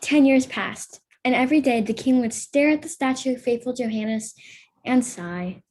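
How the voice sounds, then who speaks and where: A woman's voice: high voice, normal speed, a little mellow. A woman playing a matter-of-fact fairy-tale storyteller, narrating a comic stage play.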